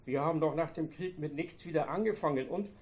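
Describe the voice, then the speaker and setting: A woman's voice: sits low, fairly quick, a little mellow, lightly acted. A man reading as an old farm wife. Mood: pleading. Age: older. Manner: pleading then bitter. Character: older farm wife, defensive yet worried.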